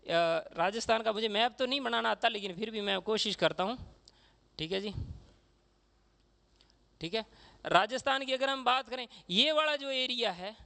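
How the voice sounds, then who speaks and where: Guy teaching a class, high bright voice, keeps saying okay. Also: normal speed, creaky, long pauses. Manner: chatty, says "theek hai" constantly, acts out regional speech. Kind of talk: classroom lecture.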